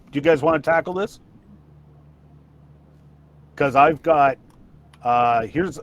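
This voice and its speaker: A man's voice: on the high side, highs cut off. Chatty man hosting a livestream. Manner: rambling, restarts, frequent laughter. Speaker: livestream host. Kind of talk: casual livestream chat.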